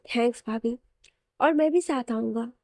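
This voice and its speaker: A woman voicing a warm, joking young man who speaks respectfully to his sister-in-law. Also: very high voice, normal speed, gravelly, dry recording, clean studio sound. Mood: affectionate. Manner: affectionate, joking.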